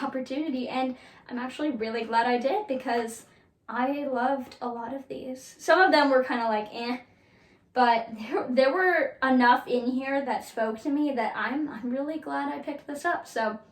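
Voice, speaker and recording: A young woman vlogging casually about books at home, chatty, with lots of fillers and laughter. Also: sits high. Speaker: book vlogger. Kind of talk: casual vlog chat. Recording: echoey room.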